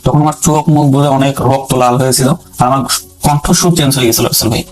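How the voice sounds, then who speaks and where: A man's voice: medium pitch, steady tone, rapid-fire, rough recording. A man, a caller telling his own story in casual, rambling speech that repeats phrases and keeps turning to the host. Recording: music playing under the voice.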